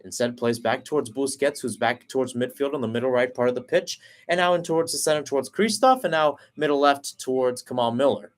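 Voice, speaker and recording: A young male play-by-play commentator calls a live soccer match at a brisk, steady pace, following every pass and correcting himself as he goes. His voice is at a typical middle pitch for a man.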